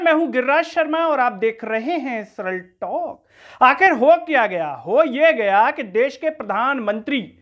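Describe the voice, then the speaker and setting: A news commentary host with a very high-pitched, fairly bright voice delivers political commentary in a rhetorical, questioning, accusatory style from a small indoor room.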